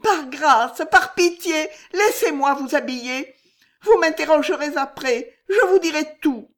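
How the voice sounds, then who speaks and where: A woman voicing a frightened young chambermaid who pleads in a trembling, high voice. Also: very animated, a little slow. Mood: pleading, frightened.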